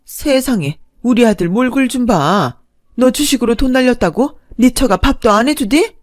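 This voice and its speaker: Woman playing a shrill older mother-in-law, sharp, contemptuous, loud nagging, dry close sound. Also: expressive, moderate pace, no echo, lightly acted. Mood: aghast.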